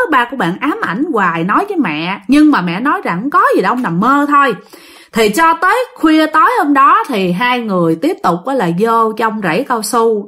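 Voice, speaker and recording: A woman telling a ghost story, speaking directly to her listeners. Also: a little high. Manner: lively, addresses listeners directly. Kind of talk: spoken ghost story narration.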